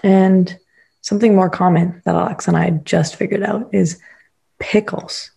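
A young woman co-hosting a relaxed podcast chat. Her voice is low, dark and very husky with a gravelly fry, and she is easygoing, often answering with "mm-hmm". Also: unhurried. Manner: easygoing, many "mm-hmm" replies. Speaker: podcast co-host. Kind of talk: casual chat.

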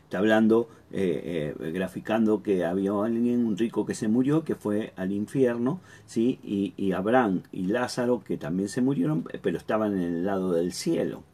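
A man teaching a Bible lesson, halting often, repeating words and checking in with the listener. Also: fairly low pitch, animated, mellow.

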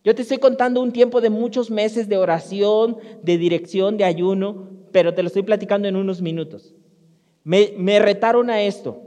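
High-voiced pastor preaching. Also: male voice, fairly even intonation, moderate pace, dark tone. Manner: speaks directly to the congregation, storytelling with frequent restarts. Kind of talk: conversational sermon. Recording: long hall reverb.

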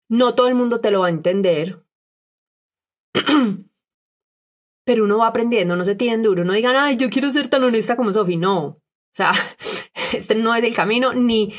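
Young woman, podcast co-host, earnest and open, slips into quoted voices. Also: on the high side. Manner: earnest, animated quoting of others. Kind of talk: candid personal talk.

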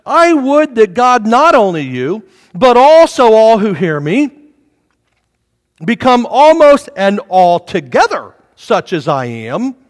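Brief: earnest, pleading apostle in chains, played by a man, expressive high voice, hall echo. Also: exaggerated voice. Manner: slow, earnest. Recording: reverberant hall.

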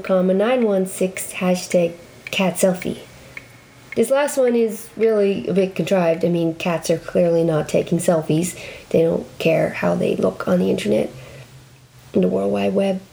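A woman performing a reflective spoken-word monologue, slow and deliberate, speaking intimately to the listener and asking many questions. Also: mid-range voice, steady tone, creaky, slight background noise, poor audio. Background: loud guitar music.

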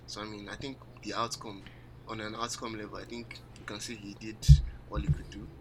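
A man's voice: on the low side, level tone, a little fast, very noisy. A man co-hosting a podcast in a laid-back, casual sports chat. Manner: laid-back, uses Nigerian slang like "sef" and "let me not lie". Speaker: podcast co-host.

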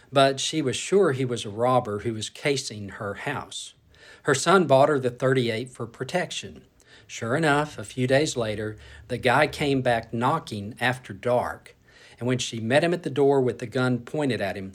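A male pastor delivering a sermon, reading scripture and telling a personal story in a measured, storytelling way. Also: mid-range voice. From grew up in a city.

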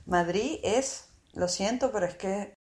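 A woman co-hosting a casual podcast from a friend's house, talking in a lively, chatty way and swearing freely. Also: medium pitch, unhurried. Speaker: podcast co-host. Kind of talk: casual chat.

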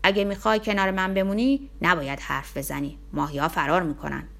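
A woman reading a storybook, voicing a gentle older man who speaks tenderly and reassuringly in a lowered voice. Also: fairly even intonation, gravelly. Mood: hushed.

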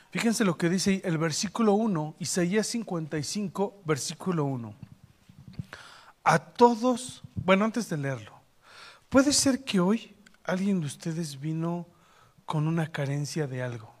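A man preaching a sermon as pastor, lively and joking, asking the congregation questions. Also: fairly high pitch, normal speed.

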